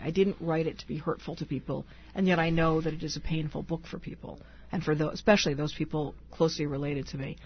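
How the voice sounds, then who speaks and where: Husky low-voiced woman author. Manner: thoughtful, many restarts and fillers. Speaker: author guest. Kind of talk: radio interview. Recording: dull lo-fi radio sound.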